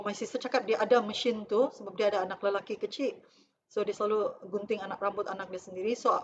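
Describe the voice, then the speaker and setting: A woman's voice: medium pitch, muffled recording, a little hiss or hum. A middle-aged woman with a Malaysian accent gives a chatty, conversational personal testimonial as a cancer survivor, with frequent fillers. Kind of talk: personal testimonial talk over photos.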